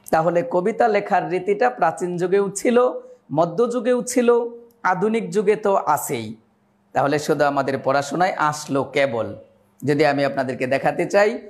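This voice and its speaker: A young man teaching an online exam-prep grammar class, chatty and joking, slowing down to recite old verses. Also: high voice.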